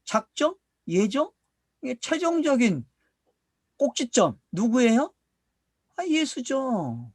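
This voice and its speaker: A man's voice: very high voice, very animated, slow, pauses often, dry recording, studio quality. A middle-aged man from South Korea preaching as a pastor, asking questions and answering them himself and drawing out words for emphasis. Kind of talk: sermon, Bible teaching to a congregation.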